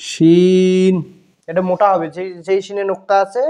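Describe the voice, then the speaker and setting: A man teaching Arabic letter pronunciation, slowly repeating each sound many times in a patient, instructive drill. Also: sits high, flat delivery, darkish tone. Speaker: Quran teacher. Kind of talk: slow repetitive letter drill.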